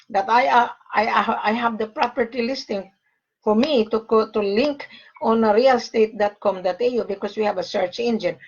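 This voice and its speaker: On a muffled call recording, an older woman from the Philippines, a gold sales facilitator, chats casually in a slightly high voice. She speaks emphatically and keeps repeating the key phrases.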